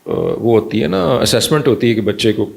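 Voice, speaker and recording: Doctor guy, gravelly voice, animated, throws in english bits. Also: medium pitch. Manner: animated, slips into Punjabi and English phrases. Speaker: pediatrician guest. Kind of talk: conversational explanation.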